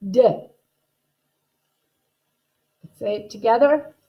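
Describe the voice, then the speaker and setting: A woman teaching a guided phonics lesson, slowly modeling words and sounds in an exaggerated, instructive way. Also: fairly high pitch, warm tone. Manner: instructive, checks understanding with short tag questions. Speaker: reading teacher.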